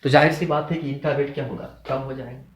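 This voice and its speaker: A man teaching a lecture, who asks his students questions and answers them himself, with sharp rises and drops in pitch to stress his points. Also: fairly even intonation, fast. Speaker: zoology teacher. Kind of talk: classroom lecture. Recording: echoey room.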